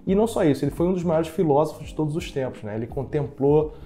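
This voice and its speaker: Um jovem brasileiro com sotaque brasileiro, apresentando um vídeo explicativo e falando direto com o espectador, em tom de conversa. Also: male voice, fairly high pitch, expressive, quick pace, mellow. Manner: conversational, speaks directly to viewer. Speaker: educational video host. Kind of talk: explanatory video talk.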